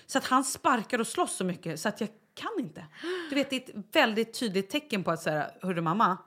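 Pregnant woman, podcast co-host, animated storyteller, casual chat. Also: a little high, husky. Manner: animated storytelling, acts out quotes.

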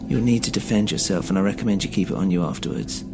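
A man's voice: deep voice, fast talker, gravelly, background noise. A man voicing a stern, guarded woman with a thick Polish accent who speaks in terse, grave warnings.

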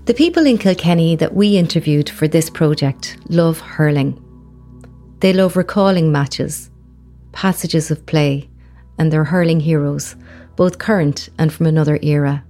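Low-voiced woman narrating. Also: a little slow, warm tone, soft background music. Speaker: podcast narrator. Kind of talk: scripted narration.

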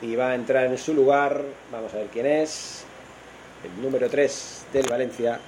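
A man's voice: mid-range voice, moderate pace, darkish tone, a little hiss or hum, poor audio. A man with an accent from Spain giving casual, improvised football commentary, opinionated and thinking aloud as he goes. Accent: Spanish from Spain. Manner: informal and opinionated, thinking aloud and correcting himself. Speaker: football commentator on an online radio stream.

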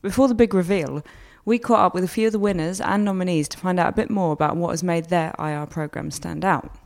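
A woman hosting a magazine podcast conversationally, her voice somewhat gravelly and slightly tired. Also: on the low side, fast talker. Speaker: podcast host.

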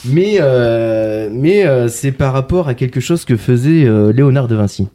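A man's voice: mid-range voice, lively intonation, a little slow, warm tone. A man hosting a casual podcast, introducing guests with playful puns and wordplay. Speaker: podcast host. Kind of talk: casual chat.

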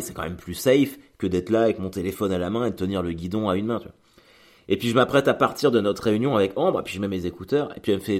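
A man with a very low voice tells a story in a loose, conversational way. He rambles, stops and restarts often, and acts out the other people's lines as he goes. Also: darkish tone. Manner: chatty, rambling, with many fillers and restarts, acts out dialogue. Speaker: performer telling a story. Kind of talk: casual storytelling monologue.

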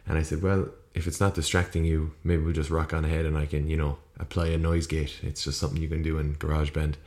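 Deep-voiced Irishman in an echoey room. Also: little pitch movement, quick pace, a little mellow. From Ireland. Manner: rambling, self-correcting, casually sweary. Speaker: podcast host. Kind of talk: solo podcast monologue, casual and unscripted. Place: small room, indoors. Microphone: USB podcast microphone. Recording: echoey room with poor acoustics.

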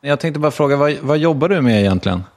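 A man's voice: fairly high pitch, lively intonation, darkish tone. A man hosting a podcast, interviewing in casual chat with teasing, dry jokes. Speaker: podcast host.

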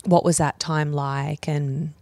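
A woman hosting a podcast, asking her guest gentle, earnest questions. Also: deep voice, little pitch movement, slow, no echo, studio quality. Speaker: podcast host. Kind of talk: interview.

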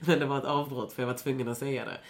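A woman's voice: very deep voice, fairly even intonation. A young woman in casual chat as a podcast guest, rambling with many fillers and swearing freely.

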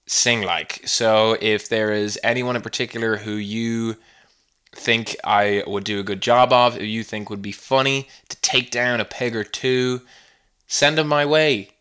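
A man hosting a comedy podcast, reading a scripted monologue in a sardonic, mock-exasperated tone. His voice sits at an average pitch and sounds smooth and resonant. He slips into theatrically apologetic asides. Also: pushed and bright.

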